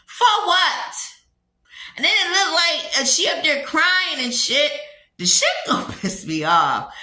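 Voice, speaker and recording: A woman's voice: on the high side, bright, forceful tone. A woman giving a blunt, profane, casual gossip recap of reality TV shows. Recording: echoey room.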